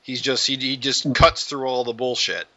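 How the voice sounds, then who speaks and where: Bright-voiced man on a dry podcast mic. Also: medium pitch, fairly even intonation, moderate pace, no room sound, dull audio. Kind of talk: casual comics discussion.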